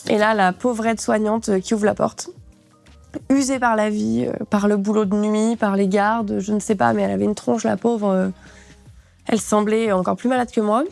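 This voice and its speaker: A woman's voice: medium pitch, normal speed, vocal fry, soft background music. A woman vlogger telling a personal story with lots of energy, acting out the dialogue. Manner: animated, acts out dialogue. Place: studio.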